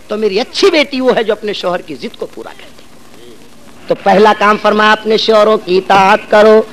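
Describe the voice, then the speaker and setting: A man's voice: very high voice, slight background noise. A man preaching in Urdu with an Indian accent, telling dramatic moral stories in an emotional, swinging delivery. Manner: emotional, chanting delivery with sudden loud and soft swings. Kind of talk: Urdu sermon with dramatized storytelling.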